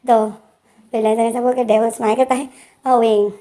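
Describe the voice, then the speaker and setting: A woman's voice: on the high side, flat delivery, fairly quick, mellow. A young woman with a sore throat, chatting to her viewers as she reads out a short fan fiction. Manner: chatty, talks to the audience. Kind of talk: casual story reading.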